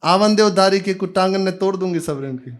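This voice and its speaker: A man's voice: sits high, fairly quick, pitched above the performer's own voice, natural voice. A man doing a half-deaf old Braj mother. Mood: scolding mishearing. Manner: rustic dialect, mishears and bickers.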